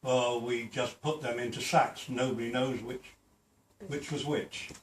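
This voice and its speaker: A man's voice: mid-range voice, fairly even intonation, a little slow, a little hiss or hum. An older man, a former policeman, answering audience questions in a plain, matter-of-fact way at a public talk. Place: hall. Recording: echoey hall, voice from far off.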